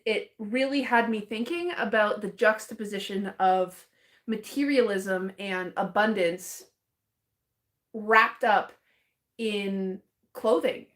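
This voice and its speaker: A woman's voice: mid-range voice, a bit bright. A woman chatting casually on a live stream as she opens fan mail, rambling and hesitant with many restarts and small laughs.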